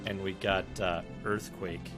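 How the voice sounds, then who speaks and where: A man doing casual live commentary as a game streamer, chatty and jokey, thinking out loud. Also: low-pitched, steady tone, a little slow. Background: loud game music.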